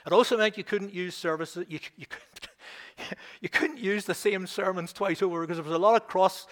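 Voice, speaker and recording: An older man from Belfast gives a sermon in a Northern Irish accent, his high-sitting voice fairly bright and at a normal pace. Scripture passages rise in emphasis as he reads, and his anecdotes carry chuckling asides.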